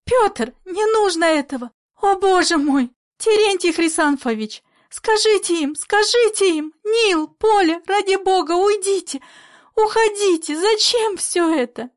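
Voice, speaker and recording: A woman voicing a desperate young daughter who pleads in shrill cries, in a play reading. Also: very animated, takes it slowly, full character voice. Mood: pleading.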